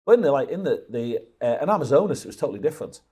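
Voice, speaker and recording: A man in his fifties from Liverpool, England, is a guest in a casual conversational interview, telling rambling stories and restarting often. His mid-range voice is dark and slightly rough, with big pitch swings and a rapid-fire delivery.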